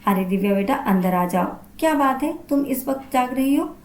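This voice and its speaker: A woman voicing a kind, caring elderly father-in-law in a spoken storybook, in a soft affectionate tone. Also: high-pitched, lively intonation, normal speed, pitched above the performer's own voice. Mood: tender. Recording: roomy echo.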